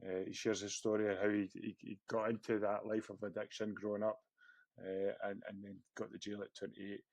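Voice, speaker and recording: A Scottish man hosting a podcast interview, talking in a halting way with many restarts and fillers. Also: lowish voice, flat delivery, vocal fry, a little mellow, no echo. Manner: hesitant, lots of restarts and fillers. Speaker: podcast host.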